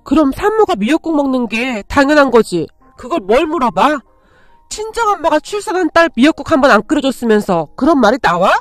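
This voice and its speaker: A woman's voice: high voice, big pitch swings, brisk, no echo, faint music behind. A woman voicing a young new mother, bitter and fed up with her own mother. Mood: exasperated. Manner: bitter, exasperated.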